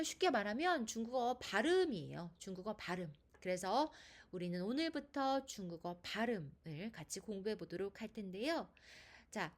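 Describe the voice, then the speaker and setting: A woman with a fairly high voice whose pitch rises and falls a lot teaches a pronunciation lesson. She explains step by step in a patient, clear way, often turning to the viewer with questions. She sometimes stretches out long held vowels to demonstrate. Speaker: Chinese language teacher.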